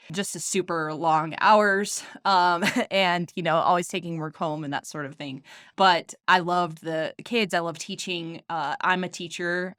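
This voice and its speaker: A woman's voice: lowish voice, a bit bright, no room sound, studio quality. A woman in her thirties from the United States, a tech founder telling her story as a podcast guest, chatty and self-deprecating with frequent laughs. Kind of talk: casual interview storytelling.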